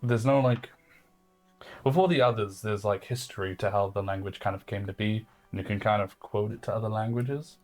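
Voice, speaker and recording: This man has a fairly low pitch and fairly even intonation, talking fairly quickly over soft background music. He's a player speaking in character in a tabletop game, rambling and hesitant with lots of fillers.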